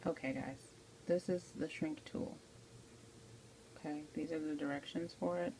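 An amateur how-to video maker walks viewers through a casual step-by-step tutorial at the stove in her home kitchen, often checking in with them. Her voice sits low, with fairly even intonation, an unhurried pace, and a warm tone. It's recorded on a handheld phone behind the camera, and the poor audio carries a little hiss or hum.

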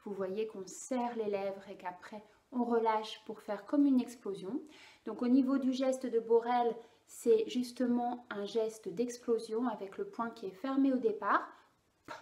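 A woman's voice: on the high side, fairly even intonation, a little slow, mellow, echoey room. A woman speech therapist explaining and carefully demonstrating speech sounds for parents in an instructional video.

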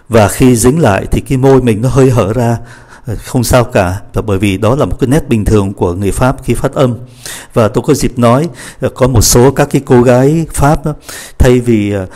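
A man teaching French pronunciation, slowly modeling each phrase and then explaining it. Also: medium pitch, mellow. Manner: slow, deliberate model readings of French phrases between quick explanations. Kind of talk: pronunciation lesson.

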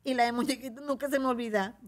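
Animated Mexican woman telling a story. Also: on the high side, fast talker. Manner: animated, acts out other people's voices in quotes. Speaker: talk show guest. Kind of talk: casual storytelling on a talk show.

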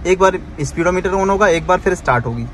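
A high-voiced man teaches driving from the passenger seat, repeating each instruction and checking in with a quick "okay" after it. The faint hum of the car and the street sits behind his voice. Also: animated. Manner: instructive, repeats commands, tags lines with "ठीक है". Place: inside a car on the road.

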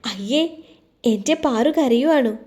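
A woman voicing a young woman who hides her heartbreak behind gentle teasing, in an audio storybook. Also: a little high, slow. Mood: wistful.

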